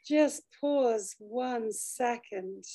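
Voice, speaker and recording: A woman hosting a conversational interview, with a slightly croaky voice tired from teaching. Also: on the high side, drawn-out words, dark tone. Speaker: podcast host and interviewer.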